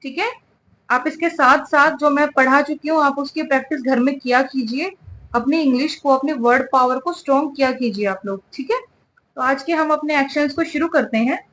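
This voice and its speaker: A woman's voice: high voice, a little fast, fairly bright tone, slight background noise. A woman teaching English vocabulary, spelling words out letter by letter and checking in with "ठीक है" over and over. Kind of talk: spoken English lesson.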